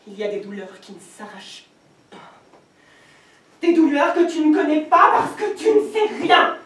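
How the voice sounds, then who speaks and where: An anguished exiled poet, played by a woman on stage, a fierce mother whose intensity erupts into shouting. Her voice is fairly high. It rings through a very echoey hall from a distance, with a faint hiss underneath. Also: very animated, moderate pace. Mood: furious. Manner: intense, swings from pleading to furious shouting. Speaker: actress. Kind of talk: stage play performance. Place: theater stage. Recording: echoey hall, miked from far off.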